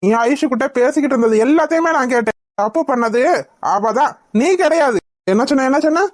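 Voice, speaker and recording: A woman's voice: high voice, fairly quick, dry recording, clean studio sound. A woman voicing a stern young husband in a cartoon, who scolds and lectures his wife. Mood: stern scolding. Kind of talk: cartoon voice acting.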